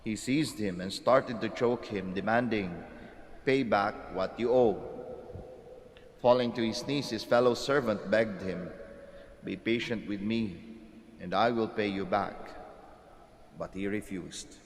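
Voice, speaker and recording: Man, priest reading the Gospel, solemn and measured, lowish voice, cathedral echo, long hall reverb. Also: slight background noise. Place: large church.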